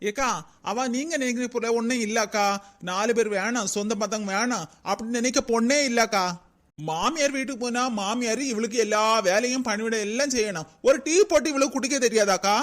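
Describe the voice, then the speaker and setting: Tired young cartoon village woman with a Kanyakumari Tamil accent, voiced by an actor, mid pitch, pleading. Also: brisk, close to an everyday voice. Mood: complaining. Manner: pleading, complaining. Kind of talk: cartoon comedy voice acting.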